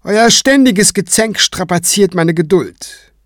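A man voicing a lofty, weary high priest. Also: expressive, slow pace, fairly bright tone, no echo, studio quality, full character voice. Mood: regal. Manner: regal, commanding.

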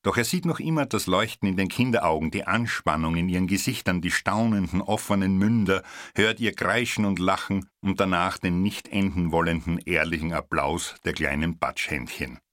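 A man reading a Christmas story aloud in a calm, measured way. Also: sits low, no room sound, studio quality. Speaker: narrator.

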